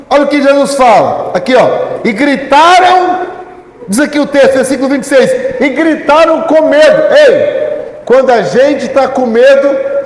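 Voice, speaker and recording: A Brazilian man preaching a sermon as pastor, calling out church members by name and building up to shouted, repeated declarations. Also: extremely high pitch, roomy sound, in a large hall, rough recording. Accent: Brazilian Portuguese.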